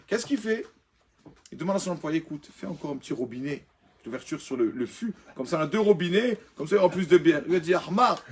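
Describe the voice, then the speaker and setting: A man, a rabbi, telling a story in a sermon in an animated, emphatic way, moving from soft to loud. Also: a little high, breathy edge.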